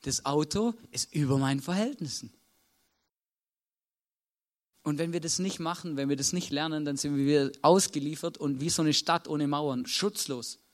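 A man's voice: fairly high pitch, normal speed, hardly any pauses. A man with an Austrian accent preaching a sermon in a conversational way, checking in with listeners after nearly every sentence. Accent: Austrian German.

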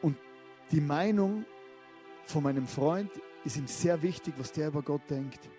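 A man preaching a sermon in a conversational, lively way, often asking the listeners direct questions. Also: fairly high pitch, measured pace, soft background music.

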